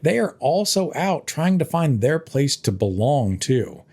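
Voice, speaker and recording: An earnest male English teacher from Tennessee talks through a summer reading assignment on his podcast. His voice sits at a middling pitch for a man and leaps up and down for emphasis as he goes. It is reflective, spoken teaching rather than a read script. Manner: earnest, animated, with big swings in pitch for emphasis. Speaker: high school English teacher.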